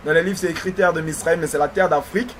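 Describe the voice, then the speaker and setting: A man's voice: a little high, steady tone, fast, a little hiss or hum. A man with a slight lisp teaching religious history in a didactic way, repeating phrases and checking in often.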